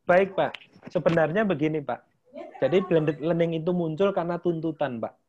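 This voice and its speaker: A man's voice: on the high side, moderate pace, muffled recording, slight background noise. A man, casually explaining teaching ideas to teachers on a video call. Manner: casual and chatty, ends phrases with Pak. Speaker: teacher trainer leading an online session.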